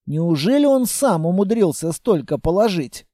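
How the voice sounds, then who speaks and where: A man narrating a first-person adventure audiobook in a calm, even storytelling manner. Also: high-pitched, normal speed, no echo, clean studio sound.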